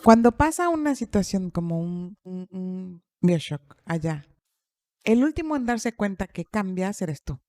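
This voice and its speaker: A middle-aged woman tells a personal story in a relaxed podcast conversation. She repeats key phrases for emphasis and acts out the voices of people she quotes. Her pitch is moderate and the recording is dry, with no room echo. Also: unhurried. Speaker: podcast speaker. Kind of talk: personal storytelling in casual chat.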